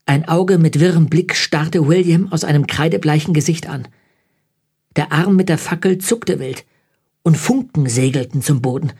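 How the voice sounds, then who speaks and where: A man reading an audiobook aloud in measured, tense scripted narration. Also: a little high, darkish tone, breathy edge.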